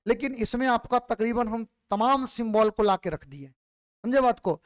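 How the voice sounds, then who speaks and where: A man's voice: very high voice, moderate pace. A male physics teacher, lecturing patiently and repeating questions back to his students. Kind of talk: classroom lecture.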